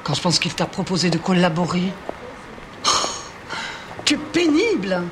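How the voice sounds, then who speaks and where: An actress playing the inspector's playful, tipsy wife in a radio drama, giggling and teasing. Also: female voice, on the low side, very animated, moderate pace, background noise. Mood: teasing scolding.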